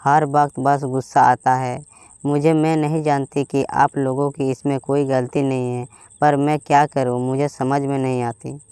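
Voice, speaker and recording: A man's voice: medium pitch, flat delivery, moderate pace, a little mellow, smooth, no echo, lightly acted. A man voicing a frustrated young wife who answers back sharply in a storybook tale. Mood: upset. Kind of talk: storybook voice acting.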